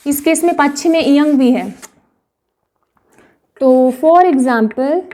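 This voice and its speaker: High-pitched woman teaching Korean patiently. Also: dark tone. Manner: patient, repeats practice words slowly, frequent "okay". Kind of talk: explanatory online lesson.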